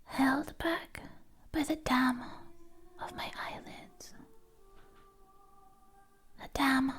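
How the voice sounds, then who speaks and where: A woman whispering a poetic ASMR monologue right in the listener's ear on a close binaural mic, in breathy, deliberate, lyrical phrases with long pauses. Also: high voice, fairly even intonation, a bit bright. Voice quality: breathy, mostly unvoiced whisper. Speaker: ASMR performer. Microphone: close binaural ASMR microphone.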